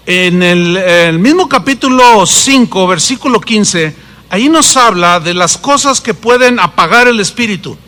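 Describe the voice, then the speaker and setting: A Mexican Spanish-accented pastor preaches with a high, bright, ringing voice. He swings from loud, quick bursts to hushed, drawn-out phrases. He is animated and full of drama. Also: big-room sound. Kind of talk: sermon.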